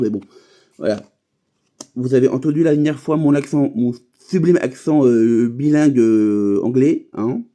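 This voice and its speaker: A man's voice: mid-range voice, mellow. A man chatting casually while opening trading card packs, rambling from thought to thought with many fillers and restarts.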